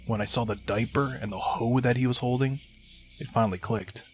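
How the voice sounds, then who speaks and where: A man's voice: mid-range voice, fairly even intonation, brisk, faint music behind. Man narrating a horror story. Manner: acts out the dialogue in shifting voices.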